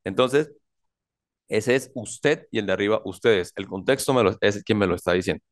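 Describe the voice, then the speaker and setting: A man with a fairly low-pitched voice gives a French grammar class as a slow, deliberate lecture. He often repeats himself and checks in with his students.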